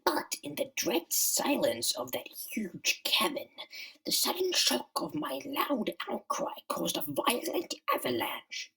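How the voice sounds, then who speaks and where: A man voicing a bitter, megalomaniac underground comic-book villain in a slow, theatrical, menacing monologue with a whispery rasp. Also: very high-pitched, animated, pushed and bright, distant mic, pitched above the performer's own voice, full character voice, low-quality recording. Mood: brooding. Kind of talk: dramatic comic-book reading.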